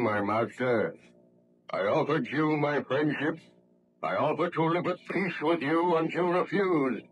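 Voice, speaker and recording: A man's voice: mid-range voice, husky. An actor playing a lonely, vengeful man-made monster in a solemn, formal, pleading manner in a 1930s radio horror play. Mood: sorrowful, resigned. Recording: noisy old 1930s radio recording.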